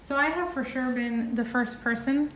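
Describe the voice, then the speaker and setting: A young woman studying music chats giddily in a casual vlog, laughing often, her high-pitched voice a bit bright and at normal speed. She's recording in a large, empty practice hall, so the sound is echoey with faint room noise.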